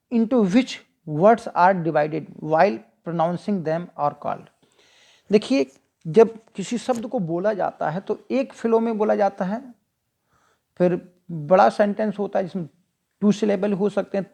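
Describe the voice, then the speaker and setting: A teacher with an Indian accent explaining exam questions. The teacher reads each English question slowly, asks it back to the listener and then answers it. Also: mid-range voice, creaky, mellow. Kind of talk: explaining multiple-choice questions.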